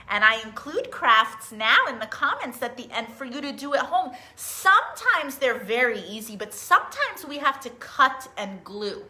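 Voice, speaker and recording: A librarian hosts a live online story time, speaking straight to young children in a sing-song, animated way as she reads and teaches songs. Her voice is a little high, and the recording sounds roomy and echoey.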